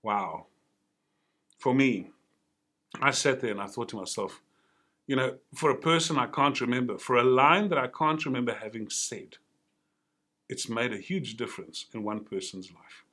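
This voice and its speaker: A man's voice: mid-range voice, animated, normal speed, pauses often, sharp tone. A man giving an earnest, encouraging motivational talk to teachers and telling stories along the way. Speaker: motivational speaker.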